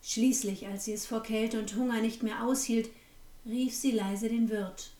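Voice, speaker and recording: A woman narrating a fairy tale in a calm, even storytelling manner. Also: on the high side, a little slow, far from the mic. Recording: echoey room, set back from the mic.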